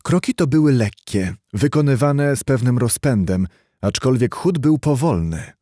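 A man reading a literary audiobook in a measured storytelling way. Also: mid-range voice, expressive, warm tone, dry recording, studio quality. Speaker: audiobook narrator. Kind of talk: scripted literary narration.

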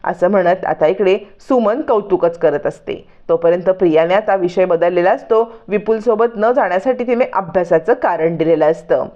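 A woman's voice: on the low side, normal speed, few pauses, highs cut off. A woman retelling a television serial episode in a casual storytelling way, voicing each character's lines herself. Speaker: serial recap narrator.

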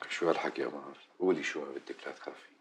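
A man's voice: a bass voice, steady tone, racing, background noise. An actor playing a firm, protective middle-aged husband and father with a Syrian accent in a period television drama, speaking emphatically. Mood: reassuring. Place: furnished bedroom indoors. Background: music.

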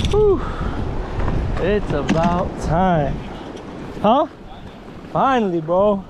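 A man giving casual running commentary while fishing from an outdoor rock jetty, talking to his viewers and whooping when fish bite, recorded on a body-worn camera. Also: high-pitched. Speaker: fishing vlogger. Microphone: body-worn action camera. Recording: loud wind noise on the mic.

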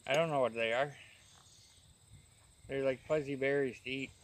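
A man's voice: medium pitch, steady tone, normal speed. A worn-out man co-hosting with crude, sweary, rambling banter, recorded outdoors by a camera a few steps away. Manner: crude, constantly swearing, joking. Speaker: co-host of a dip review channel. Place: outdoors on a grassy hilltop. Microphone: camera mic a few steps away. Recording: outdoor camera audio, nature noise behind.

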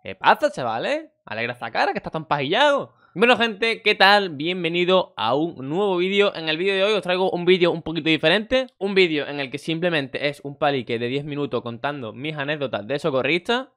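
A young man with a Spain Spanish accent rattles through his stories at a quick clip, in a voice a bit higher than most men's. He tells them jokingly and acts out the other people's voices. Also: clear, resonant tone. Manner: jokey, animated, acts out voices in the story. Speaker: streamer and YouTuber. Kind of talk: casual anecdote storytelling.

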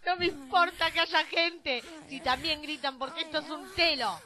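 A woman's voice: high-pitched, moderate pace, pushed and bright. A woman with an Argentine accent playing a jealous, volatile young woman lawyer in an amateur parody drama, weepy and melodramatic. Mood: furious. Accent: Argentine Rioplatense Spanish.

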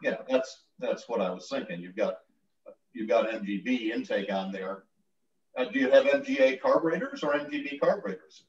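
A man joining a technical call, adding suggestions and asking quick follow-up questions. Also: mid-range voice, darkish tone. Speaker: guest. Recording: distant, roomy, dull video call audio.

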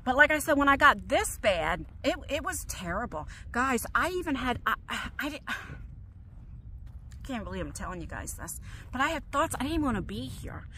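A woman's voice: high voice, very animated, normal speed, pushed and bright, slight background noise. A middle-aged woman vlogging about her life in an emotional, rambling way, restarting her sentences and pacing as she talks. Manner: pacing while talking. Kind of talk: confessional personal vlog.

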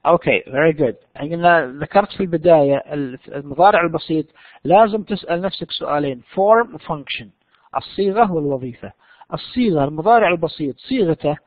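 A man's voice: fairly high pitch, no echo. A man teaching an online English lesson, explaining step by step and answering his own questions. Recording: dry tinny phone-like line.

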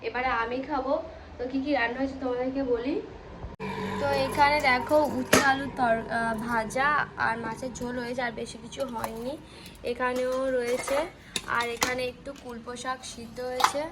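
A woman's voice: high voice, level tone, moderate pace, heavy background noise. A young woman from West Bengal with a sore throat and stuffy nose, chatting casually to viewers as she cooks and cares for her daughter at home. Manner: chatty, narrating chores to viewers. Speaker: vlogger and mother. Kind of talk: casual home cooking vlog. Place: home kitchen, indoors.

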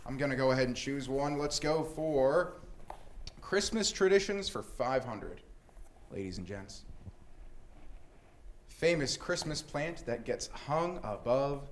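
A man's voice: medium pitch, animated, a little slow, pauses often, slight background noise. A man hosting a casual Christmas quiz game, upbeat and laughing often as he reads the questions. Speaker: host.

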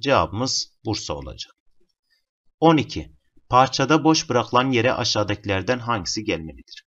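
With the high frequencies cut off, the recording carries a teacher's medium-pitched voice at a moderate pace. He explains literature exam questions methodically, calling his students his friends.

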